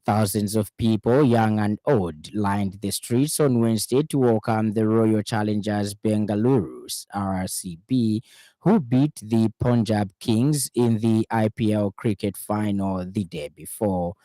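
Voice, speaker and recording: Delivering a scripted radio news bulletin, this Zambian-accented man keeps a formal, measured pace. The voice is lowish and dark, recorded with no room sound.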